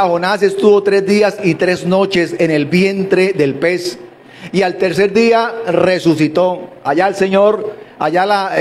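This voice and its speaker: Male preacher, high-pitched, sermon delivery, halting restarts and rhetorical questions. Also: darkish tone.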